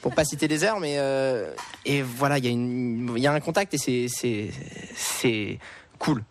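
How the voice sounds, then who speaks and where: A young man, a high school music student, answering a radio interview casually with many fillers. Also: unhurried, slight background noise.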